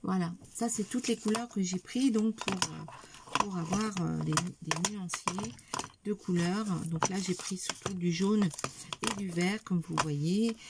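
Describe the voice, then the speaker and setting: A middle-aged woman with a mid-range voice chats casually and unhurriedly to viewers in a craft haul video, showing each item as she goes. She sounds hesitant and uses lots of fillers, and there's heavy background noise.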